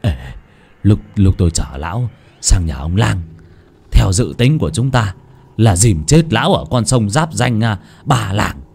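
A man's voice: on the low side, very animated, measured pace, creaky, a little mellow, slightly rough, heavily acted. A man voicing a scheming young male servant who boasts gleefully in a raised voice. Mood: gloating. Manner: gloating, boastful, with bursts of laughter.

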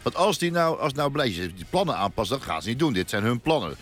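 A man's voice: mid-range voice, sing-song, fairly bright tone, soft background music. A man hosting a late-night radio talk show, joking and teasing his guests. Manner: joking, teasing, quick asides. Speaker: radio host.

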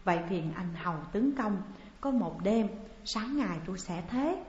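Woman narrator voicing a young manservant, hushed and pleading, dull echoey old recording, long tail of reverb. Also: fairly high pitch, lively intonation, moderate pace, close to an everyday voice. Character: sly young male servant, pleading tired.

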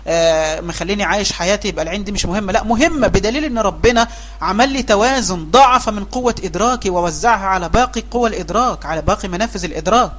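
A man's voice: high voice, a bit bright. A man with an Egyptian accent giving an informal religious talk as a preacher, repeating phrases for emphasis and asking rhetorical questions. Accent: Egyptian Arabic. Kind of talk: colloquial religious talk to blind listeners.

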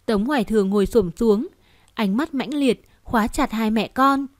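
A woman narrating a dramatic romance story in a steady, storytelling tone. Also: a little high, normal speed, dry recording, clean studio sound. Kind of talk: scripted narration.

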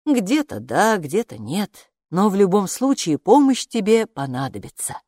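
A woman's voice: mid-range voice, very animated, a little mellow, no room sound, clean studio sound. Woman doing a sly, know-it-all talking bathrobe. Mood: sly patronizing. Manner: unhurried, patronizing, calls her "friend".

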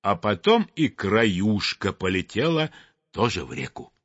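Man, storyteller, slow, dull dry lo-fi recording. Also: lowish voice, dry recording. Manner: slow, expressive, wide-ranging. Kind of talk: scripted narration of a fairy tale.

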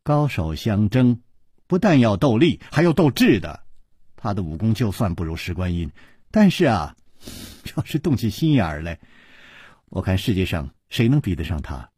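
A man's voice: on the low side, sing-song, normal speed, a little mellow, husky, no room sound, clean studio sound, pitched below the performer's own voice. A man putting on a coquettish young princess. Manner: sweet, wheedling, then trembling.

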